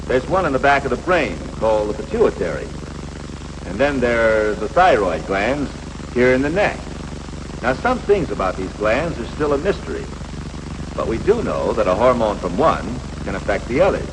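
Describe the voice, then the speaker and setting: An actor portrays a plain-spoken, patient American coach in a 1950s educational film for adolescent boys, his manner frank and reassuring. The mid-range voice, close to everyday speech, moves at normal speed with big pitch swings, over a noisy, reverberant soundtrack.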